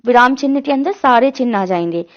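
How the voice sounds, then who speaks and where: A woman's voice: on the high side, expressive, fairly quick, lo-fi sound. A woman teaching an online lesson, explaining step by step and asking and answering her own questions.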